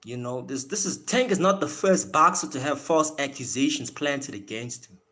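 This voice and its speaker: Boxing is the topic as a man chats with viewers on a casual live stream, his speech slangy and full of repeated words and phrases. He has a medium-pitched, sharp-toned voice, a moderate pace, and a South African accent mixed with American.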